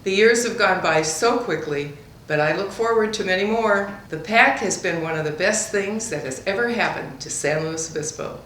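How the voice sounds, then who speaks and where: A woman's voice: medium pitch, lively intonation, normal speed, slight background noise. Grateful woman usher, echoey room. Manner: grateful, warm thanks. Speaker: volunteer usher. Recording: echoey roomy recording.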